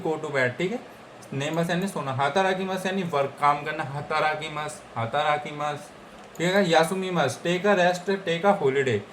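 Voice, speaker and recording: A man's voice: on the high side, a bit bright. Young male tutor from India, casual and repetitive, keeps asking "okay guys", light background noise. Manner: repeats words and keeps checking understanding with "okay guys?". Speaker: Japanese language teacher.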